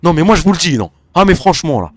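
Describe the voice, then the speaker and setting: Panicky, lively young-sounding male gamer. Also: fairly high pitch, fast talker. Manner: panicky, excitable, talks to viewers. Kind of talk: horror game let's play commentary.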